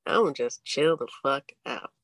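A woman who is a podcast guest, talking bluntly and relaxed in a casual conversation, swearing casually. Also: rumbling low, normal speed, no echo, poor audio.

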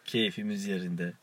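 A man's voice: deep voice, fairly bright tone. A man co-hosting a casual chat show, teasing, giggling and cutting in. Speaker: co-host.

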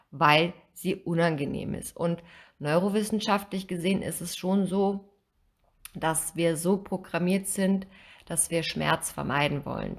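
A woman giving a motivational self-help talk, speaking directly to the listener in an encouraging way. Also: on the low side. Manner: encouraging, talks straight to the listener.

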